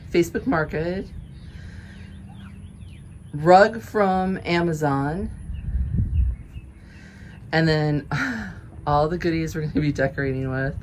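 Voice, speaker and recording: Recorded on a front porch outdoors while birds chirp, this southern Georgia woman gives a chatty, friendly home decorating vlog walkthrough, laughing a little and slightly out of breath. She has a deep voice, and there's slight background noise.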